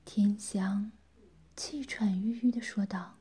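A woman narrates a story in a hushed whisper. Her pace is slow, her voice is airy and breathy, and the tone is dark and mellow. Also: mid-range voice, steady tone.

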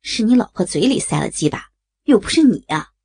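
A crude male thug sneers and jeers in an erotic audio story, as a woman reader puts him on. The voice is low and gravelly with a rough husky edge, and the pitch swings widely as he mocks. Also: huge pitch swings, normal speed, exaggerated voice. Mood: jeering. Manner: mocking, leering taunts.

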